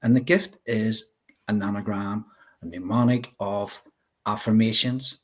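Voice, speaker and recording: A life coach from Northern Ireland, speaking with a Belfast accent, earnestly explains his ideas as a guest in an interview chat, using lots of fillers. His voice is fairly low, steady and unhurried.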